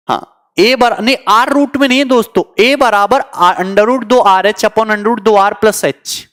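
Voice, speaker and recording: A man's voice: sits high, a little slow, fairly bright tone. A man teaching maths in a live coaching class, joking with students and mixing English terms into his explanations. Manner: teasing, chatty, answers student comments. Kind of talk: online exam coaching lecture.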